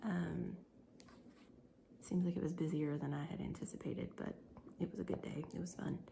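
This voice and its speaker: Tired mom whispering at home late at night, dark mellow voice, faint hiss behind. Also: female voice, on the low side, fairly even intonation, normal speed, creaky. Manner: soft whisper, rambling with many ums. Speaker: crochet business owner and homeschooling mom. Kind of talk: late-night whispered day-in-the-life vlog.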